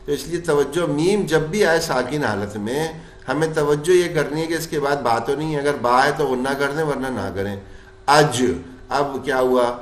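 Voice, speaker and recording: A man teaching a tajweed class, explaining the rules and then stretching words out slowly in chanted recitation, asking questions and answering them himself. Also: on the high side. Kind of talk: tajweed lesson with recited examples. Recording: roomy echo.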